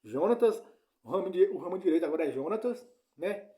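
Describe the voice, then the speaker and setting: A man's voice: high voice, lively intonation, fairly quick, dark tone. A man teaching from the Bible, repeating his points and asking his listeners "né?" and "entendeu?". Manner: repetitive, keeps asking "né?" and "entendeu?". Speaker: preacher.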